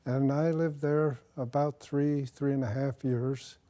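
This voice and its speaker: An older man from Nebraska talks about his service in an easy, measured way, pausing often with small fillers. His voice is mellow and warm at an ordinary middle pitch. He sits in a quiet studio with a lapel mic. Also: steady tone. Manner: measured, plain, with frequent fillers. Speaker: retired army officer guest. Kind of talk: interview answers. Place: studio with dark backdrop.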